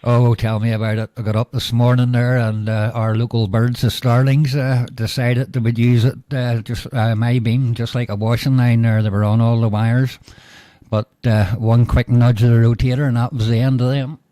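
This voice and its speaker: A radio operator from Northern Ireland chats casually over a ham radio link in a medium-pitched, mellow, dark voice with a flat delivery. The sound is close and dry with no room echo. He's measured and filler-heavy, saying "uh" and "indeed there" often, and signs off with "go ahead".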